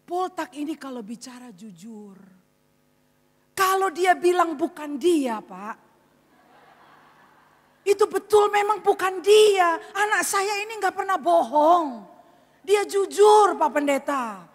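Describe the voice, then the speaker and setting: A woman's voice: high voice, expressive, slow. A woman voicing a middle-aged mother who speaks in a firm, emphatic way in a sermon story. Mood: insistent. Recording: reverberant church hall.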